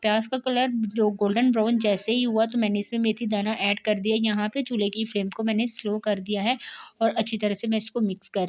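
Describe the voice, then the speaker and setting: A young woman chatting her way through a home-remedy cooking tutorial, explaining each step and talking freely along the way. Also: a little high.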